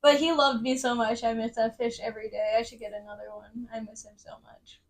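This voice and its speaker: A young woman co-hosting a podcast in casual chat, giggly and teasing, often breaking into loud laughter. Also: fairly high pitch, little pitch movement, fairly quick. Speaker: podcast co-host.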